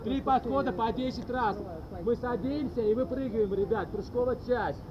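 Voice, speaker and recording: A man's voice: very high-pitched, moderate pace. A man coaching a group workout like a gym bro, giving commanding, short, repeated cues and counts. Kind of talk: loud group workout instruction, counting and cueing. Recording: muffled, noisy outdoor recording with traffic.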